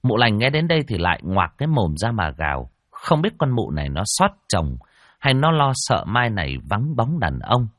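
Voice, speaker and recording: A man's voice: lowish voice, big pitch swings, moderate pace, fairly bright tone, dry recording, studio quality. A man narrating a ghost story vividly and expressively.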